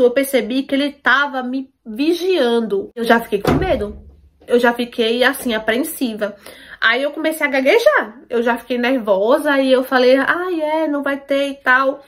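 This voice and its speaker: A woman tells a personal story to her viewers, emphatic and repeating herself, often checking that they follow. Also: high voice. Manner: emphatic, repeats herself, asks listeners for agreement.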